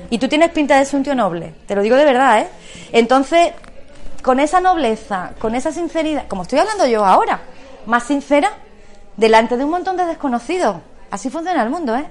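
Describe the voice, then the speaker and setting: High-voiced coaxing woman. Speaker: guest speaker at a community talk. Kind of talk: encouraging talk to a live audience. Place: community centre room.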